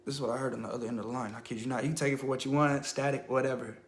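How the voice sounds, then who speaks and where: A man's voice: mid-range voice, flat delivery, racing, reverberant. A man sharing a personal religious testimony on a phone livestream, telling it in a casual, earnest way with many fillers. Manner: earnest storytelling, full of fillers and "I kid you not".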